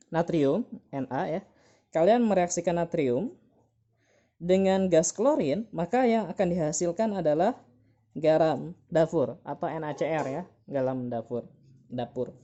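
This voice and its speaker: A woman's voice: on the low side, slow pace, long pauses, dark tone, highs cut off. A woman teacher giving an online chemistry lesson, patient and repeating key terms with many fillers.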